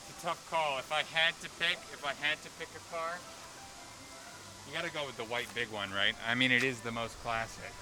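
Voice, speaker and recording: A man's voice: mid-range voice, steady tone, fairly quick. Joking man vlogging in a theme park. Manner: chatty and joking. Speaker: vlog host. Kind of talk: casual vlog narration. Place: outdoors in an amusement park. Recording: outdoor vlog with loud park music.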